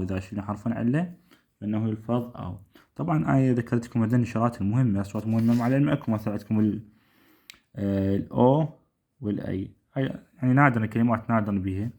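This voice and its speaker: A man with an Iraqi Arabic accent gives a pronunciation lesson in a slightly low voice. He repeats each example word slowly and keeps stopping to check that it is clear. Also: darkish tone. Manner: repeats words slowly, asks rhetorical checks. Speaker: English teacher. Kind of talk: classroom-style lesson.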